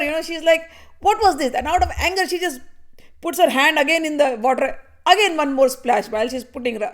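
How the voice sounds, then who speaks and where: Gravelly-voiced woman telling devotional stories. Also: on the high side. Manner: vivid storytelling, acts out characters' voices; speaks directly to listeners, conversational asides. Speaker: spiritual teacher leading a satsang. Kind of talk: devotional storytelling talk.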